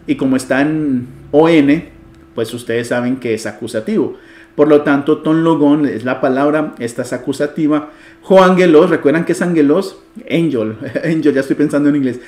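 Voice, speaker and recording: A man's voice: mid-range voice, darkish tone, reverberant. A man teaching an online Biblical Greek lesson, asking his students questions and answering them himself, with a chuckle now and then.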